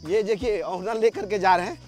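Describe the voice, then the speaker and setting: High-voiced man vlogging outdoors. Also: a little fast, soft background music. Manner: lively, addresses viewers directly, chats with passers-by. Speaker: travel vlogger. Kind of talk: on-location travel vlog commentary. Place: outdoors on a forest trail by a waterfall. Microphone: camera filmed by a companion while walking.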